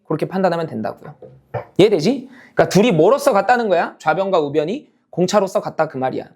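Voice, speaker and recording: A math teacher who keeps checking in. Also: male voice, high voice, gravelly, darkish tone. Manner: constantly checks in with the class, switching between casual and polite speech; explains step by step, repeating key points. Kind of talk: lecture to students.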